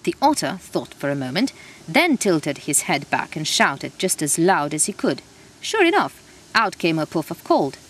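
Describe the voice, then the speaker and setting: A woman telling a children's story in an animated, expressive way. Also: low voice, unhurried, slightly rough.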